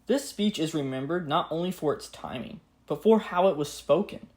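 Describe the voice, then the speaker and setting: A man giving a scripted history narration in a grave, measured, earnest way, as a podcast host. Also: fairly high pitch, expressive, a little mellow. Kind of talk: scripted history narration with a solemn read-out speech.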